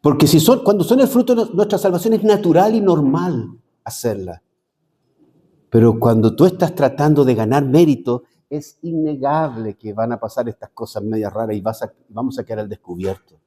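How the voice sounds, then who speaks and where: A middle-aged man preaching a sermon as pastor, animated, with sudden high swoops and chatty asides. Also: normal speed. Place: church sanctuary. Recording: long hall reverb.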